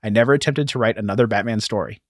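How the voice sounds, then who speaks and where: This podcast co-host speaks rapid-fire in a voice on the low side, with studio quality and no room sound. He keeps the talk casual and explanatory, occasionally reading aloud and fixing his own mistakes as he goes.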